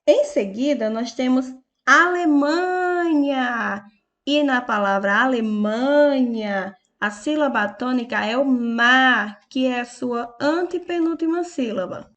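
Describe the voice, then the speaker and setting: A woman with a Brazilian Portuguese accent, teaching a recorded lesson for young children, slowly stressing each word to show its strong syllable. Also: on the high side, muffled recording. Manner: slow, careful, stresses words syllable by syllable. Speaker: primary school teacher.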